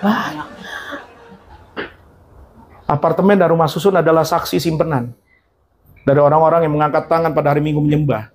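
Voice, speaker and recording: Pastor guy preaching hard, repeats himself a lot, fairly high voice. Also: fairly even intonation, brisk, long pauses, slight background noise. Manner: emphatic, repetitive, acts out quotes; mixes in English phrases. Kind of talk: sermon.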